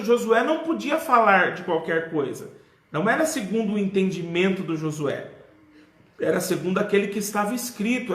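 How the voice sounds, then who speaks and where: A man's voice: high voice, fairly bright tone, roomy sound. A man with a Brazilian Portuguese accent teaching a youth Bible lesson in a preacherly way, calling on his class for amens. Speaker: Sunday school teacher.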